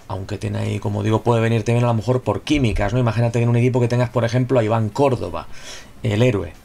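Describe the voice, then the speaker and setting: A man with a gravelly, slightly creaky voice at an ordinary pitch talks through a football game card review. He keeps it casual and chatty, circles back to his points and tosses in rhetorical questions. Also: a little mellow. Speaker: gaming YouTuber reviewing a player card. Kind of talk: casual video review commentary.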